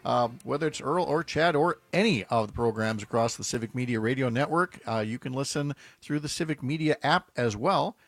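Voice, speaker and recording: A man's voice: mid-range voice, a little fast, hardly any pauses, fairly bright tone, no room sound. A man hosting a morning radio talk show, chatting casually and jokingly with many fillers and restarts.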